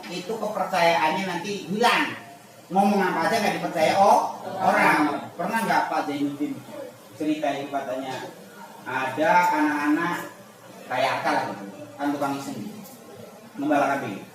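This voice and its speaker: A man's voice: on the high side, moderate pace. A man teaching a religious lesson to a class, reading Arabic lines and explaining them casually, acting out little scenes. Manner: reads Arabic text then explains it in casual speech; acts out short scenes in quoted voices. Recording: echoey room, far from the mic, noisy.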